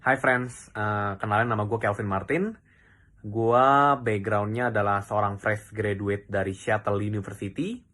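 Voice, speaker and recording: A man introduces himself in a relaxed, slangy way. His voice sits on the low side. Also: a little slow. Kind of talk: casual introduction.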